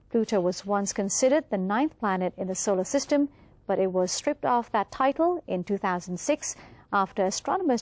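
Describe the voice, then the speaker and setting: A woman's voice: on the high side, a little mellow, no room sound. A woman with a Thai accent presenting a news bulletin, reading from a script.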